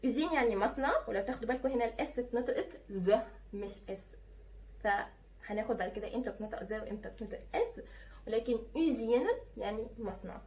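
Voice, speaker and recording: Egyptian-accented woman, patient teacher, slightly high voice, miked from a short distance. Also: a little mellow. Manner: patient, spells out letters slowly and repeats sounds. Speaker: French teacher. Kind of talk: teaching lesson.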